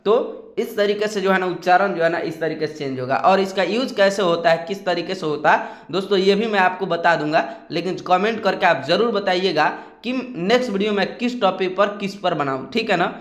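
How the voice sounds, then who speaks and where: A man's voice: high voice, roomy sound. A man teaching a Hindi alphabet lesson, patiently drilling syllables and often checking in with his viewers. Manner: patient, drawn-out syllable drills, frequent "ठीक है ना". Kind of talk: screen-recorded lesson.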